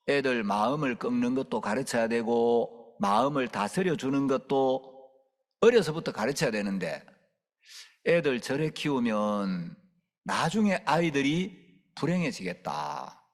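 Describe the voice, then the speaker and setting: 생생하게 설교하는 경상도 억양의 남자 목사. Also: male voice, medium pitch, in a large hall. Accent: Gyeongsang. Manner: animated storytelling, acts out scolding voices. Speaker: pastor. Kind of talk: sermon with anecdote.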